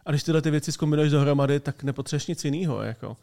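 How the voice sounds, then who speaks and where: A man's voice: a little high, creaky, dark tone. A young man co-hosting a casual tech podcast, explaining ideas at length in speech with joking asides. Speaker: podcast co-host.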